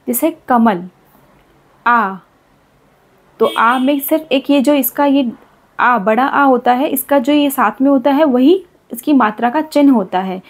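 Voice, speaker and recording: A woman teacher explaining Hindi vowel signs to children, repeating example words slowly and patiently. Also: sits high, a little mellow.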